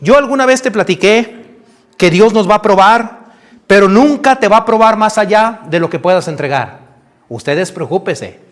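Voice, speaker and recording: A man's voice: high voice, expressive, normal speed. A man preaching, retelling a Bible story dramatically and speaking straight to the listener. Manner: addresses listener directly, acts out figures.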